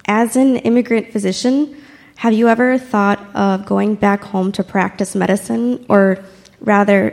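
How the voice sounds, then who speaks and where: Female audience questioner, polite and measured, heavy vocal fry. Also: mid-range voice, darkish tone. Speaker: audience member. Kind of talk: asking a question.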